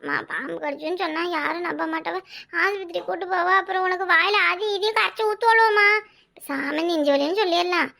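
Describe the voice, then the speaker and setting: Someone voicing a crafty village mother, squeaky. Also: a little fast, gravelly, pushed and bright, full character voice. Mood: scheming. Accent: Kanyakumari Tamil. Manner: coaxing, bossy, theatrical wailing. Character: scheming older village mother, crafty and bossy. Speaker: cartoon character. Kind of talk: comic cartoon voice acting.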